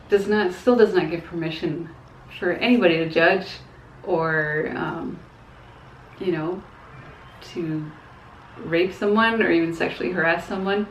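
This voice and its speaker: A woman's voice: fairly low pitch, slight background noise. A young woman talking frankly in a casual opinion vlog, earnest but hesitant, with fillers and small laughs. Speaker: vlogger. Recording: echoey, dull room sound.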